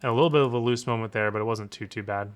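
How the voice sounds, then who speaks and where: A man giving calm, methodical driving instruction while playing a racing game, often repeating key words. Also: lowish voice, racing, smooth. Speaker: sim racing coach. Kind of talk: instructional commentary over gameplay.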